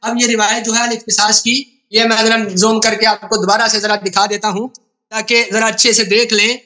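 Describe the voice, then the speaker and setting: A man's voice: high voice, little pitch movement, sharp tone. A man debating on a video call, insistent and repetitive, often talking over his opponent. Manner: insistent, repeats himself, talks over opponent. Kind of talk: heated online debate.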